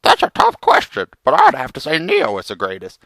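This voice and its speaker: A man voicing a melodramatic, vengeful frog hero in theatrical comic storytelling, with a gravelly cartoon-like voice. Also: fairly high pitch, huge pitch swings, brisk, bright, forceful tone, dry recording, heavily acted. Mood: earnest. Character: melodramatic, vengeful male frog hero telling his journey.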